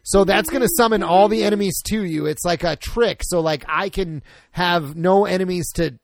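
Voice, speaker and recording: Male gamer, casual co-op chat, gravelly texture, dry close mic. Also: high voice, moderate pace, no room sound. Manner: excitable, swears often, explains mechanics. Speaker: co-op game player.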